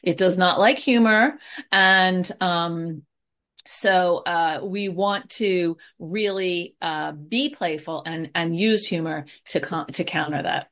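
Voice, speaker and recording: A chatty woman, a guest expert on anxiety, gives parents advice in loose talk full of fillers and restarts. Her voice sits a little low. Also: slow, fairly bright tone. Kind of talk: conversational advice.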